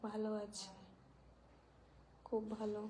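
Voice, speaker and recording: A woman's voice: medium pitch, completely flat delivery, slow, a little hiss or hum. A woman hosting a casual live stream, greeting viewers one by one and chatting. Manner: greets viewers warmly, at times drops to a whisper.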